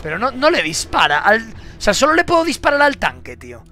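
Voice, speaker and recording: Young guy streaming a game, high lively voice, swears loads, bit of creak. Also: a little fast, noisy background. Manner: swears a lot, bursts into shouts. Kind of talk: casual live game commentary.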